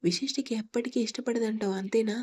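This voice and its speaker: A curt, threatening young rowdy with a quick temper, as a woman storyteller reads him. The voice sits a little high, with a dark, husky tone. He speaks like a character in an audio storybook. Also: fairly even intonation. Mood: gruff. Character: blunt hot-tempered young male rowdy.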